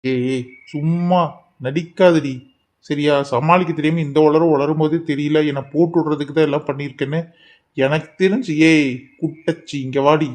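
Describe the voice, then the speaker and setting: Brief: a performer as a cocky cartoon youth, mid-pitched, bickering and boastful. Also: fairly even intonation, normal speed, a little mellow, close to an everyday voice. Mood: accusing. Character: brash young man, hot-headed and boastful. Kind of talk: cartoon voice acting.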